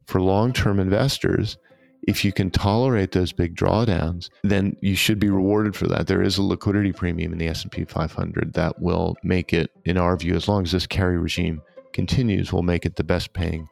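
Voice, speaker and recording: A man's voice: low voice, fairly even intonation, moderate pace, creaky, darkish tone. A man speaking as an expert guest, explaining in an interview style.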